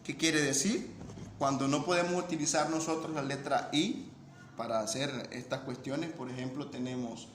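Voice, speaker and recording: A male language teacher patiently walks his students through phonetics, repeating key points and asking "¿verdad?" to check understanding. His mid-range voice is steady at a normal speed, and the room is echoey with faint noise.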